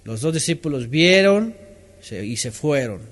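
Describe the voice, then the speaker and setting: A man's voice: a little high, big pitch swings, measured pace. A man teaching a Bible lesson, asking questions, reading out listeners' answers and reading passages aloud with comments. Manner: asks questions, reads out responses from listeners; reads scripture aloud, stopping to comment.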